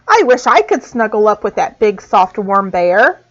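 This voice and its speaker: A woman voicing a shivering male squirrel who longs for warmth, drawn-out and wishful. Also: medium pitch, big pitch swings. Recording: dull lo-fi sound.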